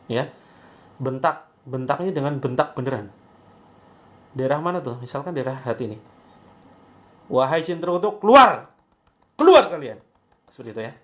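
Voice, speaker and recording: Man leading a prayerful healing livestream. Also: medium pitch. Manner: guiding, prayerful, with sudden loud commands. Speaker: spiritual healing coach. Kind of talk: live-streamed faith healing session.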